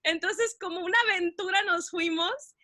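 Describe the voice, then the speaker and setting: Podcast co-host, woman, lively storyteller, sparkly voice, mixes in English. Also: very high-pitched, normal speed, no room sound, clean studio sound. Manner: animated, laughs often, mixes in English phrases.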